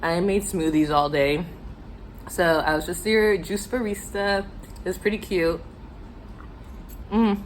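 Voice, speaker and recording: A woman's voice: fairly low pitch, fairly even intonation, measured pace, long pauses, a little hiss or hum. An American woman telling a casual, chatty, self-deprecating story to viewers while eating, her mouth sometimes full. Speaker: mukbang vlogger telling stories.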